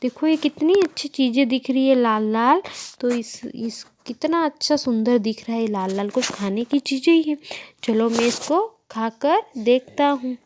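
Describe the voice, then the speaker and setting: A woman doing an excited little boy chick. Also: a little high, normal speed, a little hiss or hum, close to an everyday voice. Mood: curious. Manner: loud excited cries. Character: young male chick, excited and easily startled.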